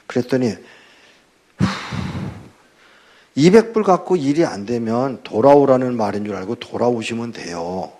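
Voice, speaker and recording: An older male pastor giving a testimony sermon, telling his story in an animated way and acting out the dialogue. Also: medium pitch, moderate pace, pauses often.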